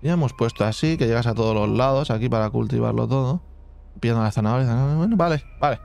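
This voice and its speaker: A man's voice: medium pitch, fast, gravelly, a little mellow. Chatty man narrating his gameplay. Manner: chatty, thinks aloud, hums and makes sound effects. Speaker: gaming channel host. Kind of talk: casual let's-play commentary.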